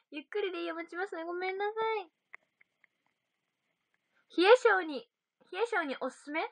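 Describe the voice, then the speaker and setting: A woman's voice: high-pitched, sharp tone, no room sound. A young woman chatting casually on a livestream, reading out viewer comments and giggling often. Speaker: idol livestream host.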